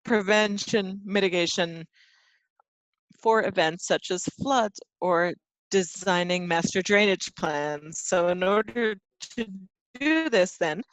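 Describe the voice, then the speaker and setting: A conference interpreter giving a live translated voice-over of a webinar presenter, with a halting, self-correcting delivery. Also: medium pitch, fairly bright tone, no room sound, low-quality recording.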